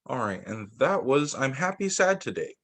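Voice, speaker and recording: With a medium pitch and moderate speed, a man reads picture books aloud to young children as their teacher. His reading is lively and expressive, occasionally faltering so he repeats a line.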